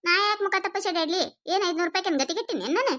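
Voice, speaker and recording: An indignant village woman with a North Karnataka accent, voiced by a woman for a cartoon, protesting that she is not avoiding anyone over a small debt. She talks fast in a very high, bright voice. Her tone stays defensive and protesting throughout. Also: animated. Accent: North Karnataka Kannada. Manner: protesting, indignant, quick talker. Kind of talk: cartoon voice acting.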